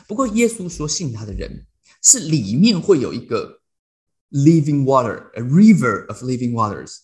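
A man's voice: mid-range voice, moderate pace. A man with a Taiwanese Mandarin accent hosting a casual devotional talk, telling stories playfully and dropping in English phrases. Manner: playful, animated storytelling mixed with English phrases. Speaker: devotional podcast host.

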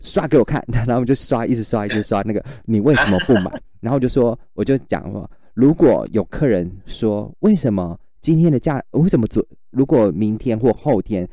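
A man's voice: on the low side, fairly quick, hardly any pauses, dry recording. A man, a livestream seller telling stories in casual chat and acting out his customers. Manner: animated storyteller, acts out customers.

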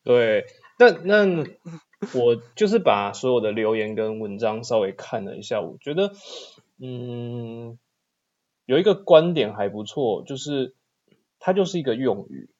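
Low-voiced Taiwanese-accented man, slightly muffled. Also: lively intonation, unhurried, a little mellow. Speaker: podcast co-host. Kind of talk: casual chat.

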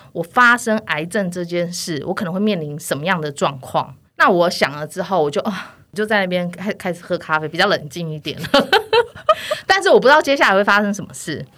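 Woman, insurance agent guest, animated storyteller with a mid-range voice. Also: mid-range voice. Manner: lively storyteller, often laughing. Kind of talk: casual storytelling chat.

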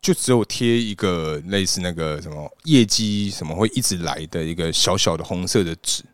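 A man's voice: sits low, normal speed, dry recording, studio quality. A man with a Taiwanese accent in casual, joking chat, bantering playfully with plenty of slang.

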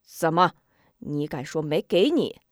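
A woman's voice: fairly low pitch, animated, a little slow, darkish tone, dry recording, studio quality. A woman voicing a fierce old beggar woman, a martial heroine who questions sternly and commands. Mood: stern, angry.

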